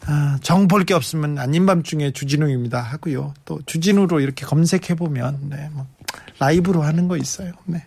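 A man's voice: fairly high pitch, brisk, creaky, slightly rough. Chatty man hosting a radio show. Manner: chatty, animated, swings between excited and soft. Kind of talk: casual live radio chat reading listener messages.

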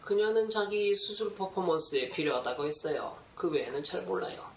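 A man's voice: fairly high pitch, animated, normal speed, recorded from a distance, slight background noise, close to an everyday voice. Man playing a flirty Frenchman, roomy. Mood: matter-of-fact. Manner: flirtatious, casual, French exclamations. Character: smooth-talking Frenchman, hospital equipment supplier.

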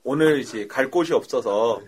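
A man's voice: medium pitch, lively intonation, normal speed, a little mellow, breathy edge. A man appearing as a guest on a podcast, recounting his day in a chatty, teasing way. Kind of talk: casual chat.

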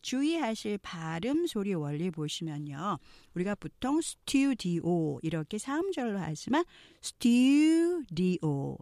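A woman teaching English pronunciation, explaining points and then saying phrases slowly and carefully so learners can repeat them. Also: on the low side, gravelly, warm tone, dry recording, clean studio sound. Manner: slow, careful drills spoken for learners to repeat; switches between explaining and modeling phrases.

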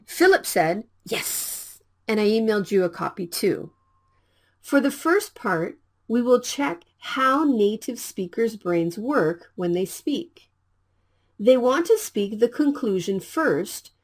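A woman presenting an English lesson, explaining lines slowly and clearly with lively intonation. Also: a little high. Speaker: English teacher. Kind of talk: scripted language lesson.

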